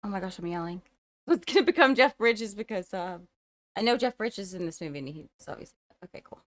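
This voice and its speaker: A woman's voice: medium pitch, animated, brisk, slight background noise. A young woman hosting a first-time movie reaction, musing aloud and gasping and exclaiming as she watches. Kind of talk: casual movie reaction commentary.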